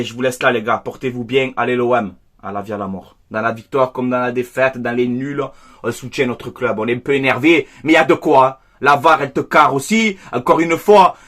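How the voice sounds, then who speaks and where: Bright-voiced man ranting after a match. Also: medium pitch. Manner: frustrated ranting, repeats himself, talks straight to viewers. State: upset and worked up. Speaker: football fan video host. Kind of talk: casual angry match debrief.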